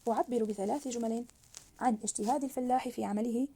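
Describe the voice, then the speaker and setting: A woman teaching a grammar lesson to young children, slowly stretching out words as she models them and praising her pupils. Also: fairly high pitch, mellow, a little hiss or hum.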